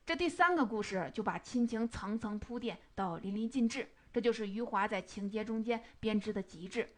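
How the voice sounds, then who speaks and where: A woman retelling and analyzing a novel in a measured, explanatory storytelling manner. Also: medium pitch. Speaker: book commentator.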